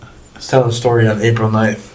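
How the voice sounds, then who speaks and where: A man's voice: on the low side, little pitch movement, quick pace, darkish tone. Easygoing man in his late thirties. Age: 30s. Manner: easygoing, rambling anecdotes. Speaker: podcast co-host. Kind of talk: casual chat. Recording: slightly distant mic.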